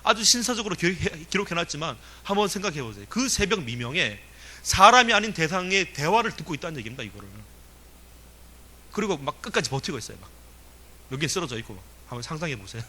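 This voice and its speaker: A man preaching a sermon in a lively, emphatic way, asking the congregation questions and chuckling now and then. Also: on the high side, fast talker, a little hiss or hum. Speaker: pastor.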